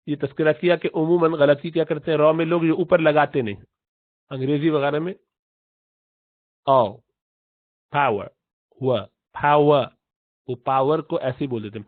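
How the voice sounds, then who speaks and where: A man teaching tajweed in Urdu, explaining slowly, repeating letter sounds and chanting recited verses in long drawn-out tones. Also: mid-range voice, dry recording. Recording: tinny phone-like audio, dry.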